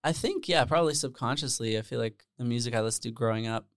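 A man from the Netherlands, a musician, chatting casually as a podcast guest in a relaxed, rambling way with many fillers, on a close mic. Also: mid-range voice, fast talker, no room sound. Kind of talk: casual interview chat.

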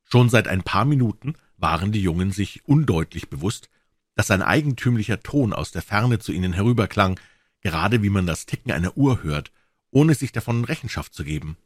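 A man reading a classic novel aloud as narrator, in a measured, lilting storytelling manner. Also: lowish voice, lively intonation, no echo, studio quality.

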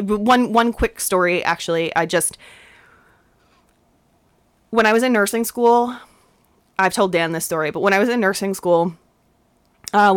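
This is a young woman co-hosting a casual podcast, sincere and a little rambling, with frequent false starts. Her voice sits a bit low, and the sound is dry and close with no room echo. She pushes higher and louder when she stresses a point. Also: smooth. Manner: earnest, rambling with frequent restarts. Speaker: podcast co-host.

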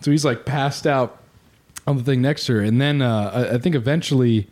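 A man hosting a casual podcast, retelling a crime story in a lively, swearing way. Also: medium pitch, brisk. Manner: animated storytelling with swearing and laughs. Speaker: podcast host. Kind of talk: casual true-crime chat.

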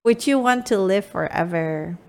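A woman's voice: medium pitch, normal speed, a little mellow. A woman co-hosting a podcast in casual chat, laughing often. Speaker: podcast co-host.

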